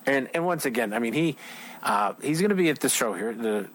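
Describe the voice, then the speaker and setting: A man's voice: medium pitch, lively intonation, a little fast, a bit bright. A man hosting an outdoors show, chatting casually with a guest at a trade show, rambling with lots of fillers.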